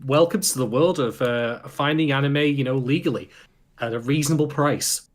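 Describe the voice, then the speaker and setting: A man from the UK co-hosting a casual podcast chat, sarcastic and quick to swear. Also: medium pitch. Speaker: podcast co-host.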